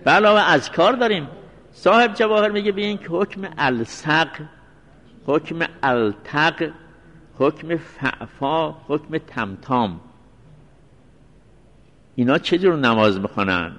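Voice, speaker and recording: A male seminary teacher giving a religious law lecture, repeating references slowly and mixing in recited phrases. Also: a little high, expressive, fairly bright tone. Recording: long reverberant hall sound.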